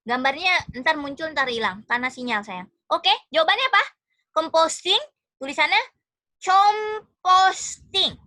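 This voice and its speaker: Bright high-voiced Indonesian woman teacher. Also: expressive, moderate pace, no echo. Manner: affectionate, encouraging, calls students one by one. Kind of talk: online class teaching. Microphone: video call.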